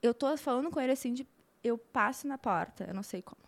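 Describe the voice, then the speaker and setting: A woman, a flight attendant, telling a story in a lively, casual way, often repeating words for effect. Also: a little high, fast talker, vocal fry.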